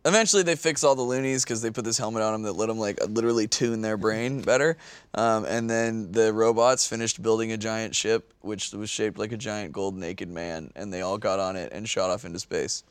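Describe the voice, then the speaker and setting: On a podcast panel, a man tells stories in a casual, informal chat, full of slang, swearing and constant use of "like." His voice is lowish and steady, delivered briskly with a clean tone, and the recording is dry.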